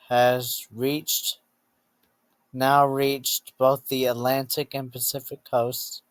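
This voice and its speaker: With medium pitch and a clean tone, a man announces a scripted emergency alert in choppy short phrases, repeating himself to rephrase. The recording is dry but rough.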